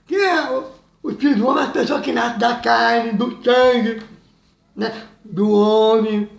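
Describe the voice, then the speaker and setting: A man preaching an informal sermon in a loud, emphatic way, laughing between phrases. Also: very high-pitched, fairly even intonation, measured pace, creaky, roomy sound. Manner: loud and emphatic, says he always talks loud; laughs between phrases, says "meu irmão" often. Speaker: evangelical preacher.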